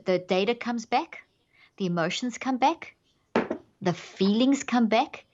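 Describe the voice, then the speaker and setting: Woman w south african accent, talks fast in bursts, restarts a lot, kinda muffled audio. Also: mid-range voice. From Zimbabwe, raised in South Africa. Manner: animated, explains with analogies, frequent restarts. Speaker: guest. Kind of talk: explanatory podcast interview.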